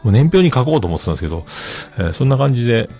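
A man's voice: mid-range voice, sing-song, racing, dark tone, breathy edge, soft background music. A man hosting a show, chatting casually on his own in a rambling, self-joking way. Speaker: host. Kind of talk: casual solo chat.

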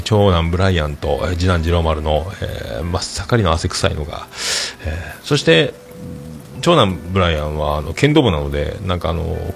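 A man talks casually on his podcast in a deep, gravelly voice. His pitch rises and falls widely as he rambles through stories, with frequent filler sounds between his phrases. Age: 40s. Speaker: podcast host. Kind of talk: casual podcast monologue reading listener comments.

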